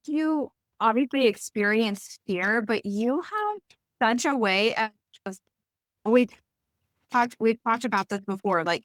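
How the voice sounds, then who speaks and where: A young woman hosts a podcast conversation, eager and chatty, and often says "like." Her voice sits at a middling pitch and is recorded dry and close. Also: no room sound. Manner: enthusiastic, chatty, filler-heavy questions. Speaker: podcast host. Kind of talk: casual conversational interview.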